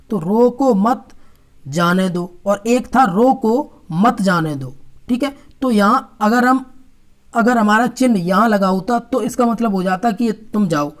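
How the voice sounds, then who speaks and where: Woman teacher going through exam questions. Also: mid-range voice. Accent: Hindi. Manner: addresses viewers as friends, explains step by step. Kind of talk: exam-prep lesson, reading out questions and answers.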